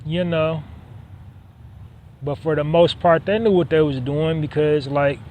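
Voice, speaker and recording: A man hosting a solo podcast in a conversational tone, repeating points for emphasis and often pausing on "um". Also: a little high, steady tone, darkish tone, a little hiss or hum. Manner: conversational, emphatic repetition, frequent "um" fillers. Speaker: podcast host.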